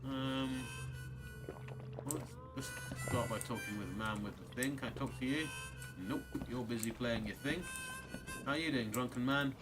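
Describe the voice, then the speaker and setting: A man's voice: mid-range voice, normal speed, low-quality recording. A man giving casual, rambling commentary on a video game, with dry muttered asides to its characters. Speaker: gamer commentating on his playthrough. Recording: loud game music behind voice. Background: game music.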